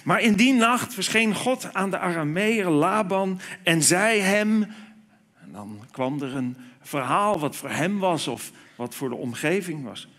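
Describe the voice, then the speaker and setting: Male preacher, unhurried sermon delivery, somewhat high voice. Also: expressive, fairly bright tone. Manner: slow, deliberate, with emphatic rises on key words.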